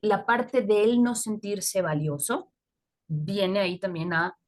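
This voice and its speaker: A woman's voice: medium pitch, takes it slowly. A woman teaching astrology in a live talk, explaining at length and often checking in with listeners with short questions. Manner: laughs at her own points.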